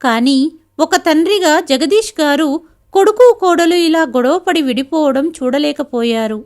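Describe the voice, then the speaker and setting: A woman storyteller reading a scripted family story in a steady, even way. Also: high-pitched.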